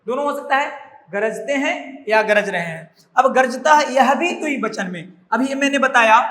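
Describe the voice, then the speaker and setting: A man's voice: very high-pitched, fairly bright tone. A man teaching Sanskrit grammar to schoolchildren, repeating words and asking questions as he explains. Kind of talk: classroom lesson explaining grammar. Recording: echoey room with long reverb, faint noise.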